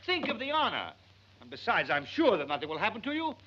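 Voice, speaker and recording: A blustering colonel coaxes in wildly swooping, forceful tones. He delivers screwball comedy banter in 1940s film style, on a dull old soundtrack. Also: high-pitched, wildly swooping pitch, fast talker, heavily acted. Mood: coaxing, grandiose. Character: blustering, coaxing colonel, a fast-talking showman. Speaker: film actor.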